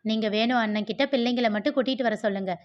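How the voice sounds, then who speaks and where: A woman doing a calm decisive brother. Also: on the high side, quick pace, close to an everyday voice. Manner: calm, directive planning. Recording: dull lo-fi recording.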